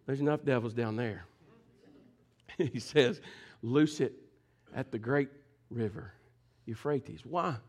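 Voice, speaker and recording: A male pastor preaching a fervent sermon, calling out to his congregation and swinging between shouting and hushed low talk. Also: slow pace. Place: church service.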